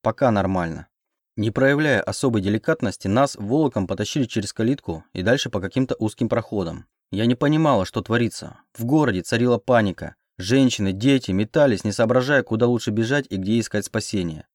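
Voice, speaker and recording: A man reads a novel aloud in first person, steady and measured. His voice sits low, and the recording is dry with no room sound. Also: no room sound. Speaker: audiobook narrator. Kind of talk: first-person audiobook narration.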